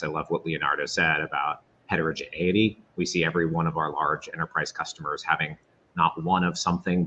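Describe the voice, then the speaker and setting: A man speaking as a panelist over a remote conference call whose audio breaks up. He explains things steadily, with "um" pauses. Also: sits low, sharp tone. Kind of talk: panel discussion answer. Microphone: remote call microphone. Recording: muffled remote call line with faint noise.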